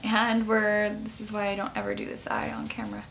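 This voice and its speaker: Female makeup tutorial host, informal step-by-step chat, noticeably creaky delivery, slight noise behind. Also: mid-range voice, little pitch movement, fairly quick, a bit bright. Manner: chatty, informal, explaining each step.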